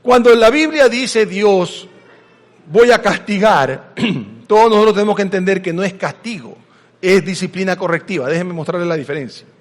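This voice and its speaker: Male pastor with a high, animated sermon voice, heard with long reverb in a large church. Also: normal speed. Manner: animated, swings between loud emphasis and hushed asides, acts out quoted parents; questions the congregation directly. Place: church sanctuary.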